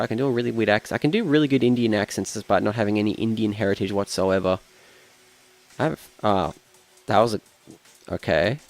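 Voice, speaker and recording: A man's voice: fairly low pitch, darkish tone, no echo. A young Australian man casually commenting on a racing game while he plays, rambling and thinking aloud, often trailing off mid-sentence. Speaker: streamer.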